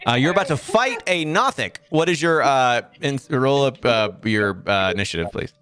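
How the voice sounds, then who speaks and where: Man, dungeon master, lively pitch, chatty, laughs a lot. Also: moderate pace. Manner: laughing, chatty, a bit disorganized. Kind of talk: running a tabletop game online.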